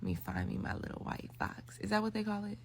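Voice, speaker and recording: A woman's voice: mid-range voice, sing-song, quick pace, vocal fry, noisy background. A woman in her twenties rambling in a phone video monologue, full of "like" fillers. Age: 20s.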